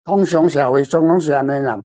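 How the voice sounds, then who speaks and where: A warm, slightly high voice moves at a fairly quick clip: an older guest author with a Taiwanese accent answering questions. He speaks off the cuff on literary topics, rambling in an emphatic, plain way and returning to the same points.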